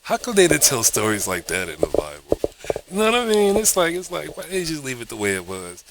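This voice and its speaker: A man's voice: a little high, wildly swooping pitch, brisk, noisy background. A man vlogging in a casual, rambling monologue, cursing often and checking in with "you know what I mean".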